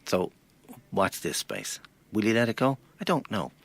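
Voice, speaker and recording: A man's voice: lowish voice, very animated, moderate pace. An Irish man, a financial planner guest, arguing his points emphatically with rhetorical questions in a studio interview.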